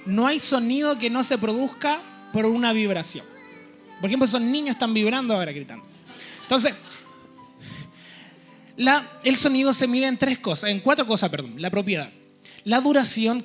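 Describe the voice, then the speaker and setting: A man preaching a teaching sermon in a church. He explains step by step and keeps checking in with his listeners. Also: very high voice.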